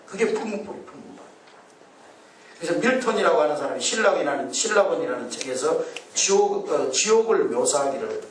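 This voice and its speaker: Lively pastor guy preaching, high voice, mic far off in a big echoey sanctuary. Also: fairly quick, slight background noise. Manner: animated, leads call-and-response. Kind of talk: sermon. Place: church sanctuary. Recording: echoey church hall, mic at a distance.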